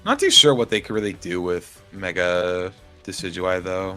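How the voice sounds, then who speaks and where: A young man chatting casually on a stream, relaxed and enthusiastic. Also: deep voice, moderate pace, soft background music. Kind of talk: casual chat.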